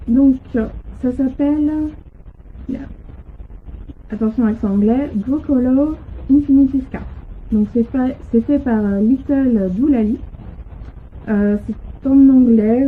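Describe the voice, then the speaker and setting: A woman with a fairly high voice talks through her crafting projects in a hesitant, casual show-and-tell, pausing on fillers and restarting her sentences. The recording is tinny and phone-like, made at home on a sofa, with faint hiss behind her. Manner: hesitant, full of "euh" and restarts. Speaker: knitting and crochet podcaster. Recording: tinny low-quality home audio.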